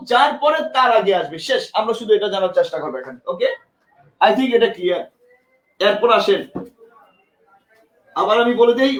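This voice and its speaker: A high-pitched man with a Bangladeshi Bengali accent teaches a live exam-prep lesson in a roomy-sounding space. He's emphatic, repeating points, quizzing students with questions and urging them to pay attention.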